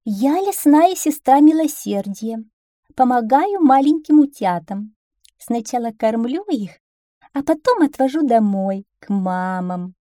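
A woman's voice: on the high side, expressive, unhurried, warm tone, dry recording, clean studio sound, voice pushed up. A woman voicing a cunning female fox who coaxes and mocks in a falsely kind tone in a storybook reading. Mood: sly. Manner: coaxing, mocking, falsely kind. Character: sly sweet-talking female fox, a cunning predator.

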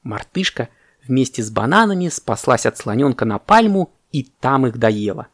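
A man reading a children's story aloud, expressive and animated. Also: mid-range voice, moderate pace, no echo, clean studio sound.

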